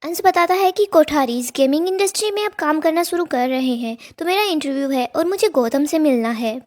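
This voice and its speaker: A woman's voice: high-pitched, expressive, a little fast. A woman narrating a casual recap of a television drama episode in a chatty storytelling way.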